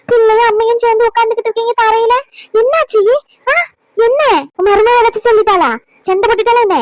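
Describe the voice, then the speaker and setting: A woman playing a meddling neighbour who pries into a family quarrel and scolds with sharp, rapid questions. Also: very high-pitched, a little hiss or hum, rough recording. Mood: prying.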